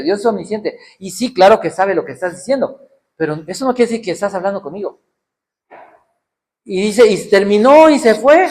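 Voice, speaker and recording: A man with a Mexican accent preaching a sermon in an event hall, talking conversationally and asking rhetorical questions. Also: sits high.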